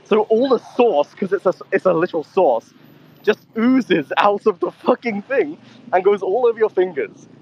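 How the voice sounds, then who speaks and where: A man's voice: high-pitched, animated, moderate pace, breathy edge, muffled recording. A man telling a rambling story in casual chat, swearing often, speaking from a convenience store. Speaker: co-host of a live audio chat.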